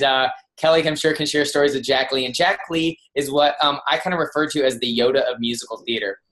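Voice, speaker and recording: A man's voice: on the high side, a bit bright. A man speaking on a kickoff call, telling personal stories to motivate his team. His talk is loose and conversational, with many restarts, and he sometimes acts out the people he is quoting. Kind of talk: motivational storytelling.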